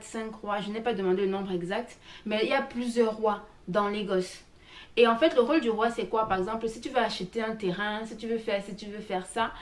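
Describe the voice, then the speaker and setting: A woman vlogger talks to her viewers in a casual, chatty way. Her voice sits at a middle pitch and she keeps an animated, personal tone. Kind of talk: casual travel vlog.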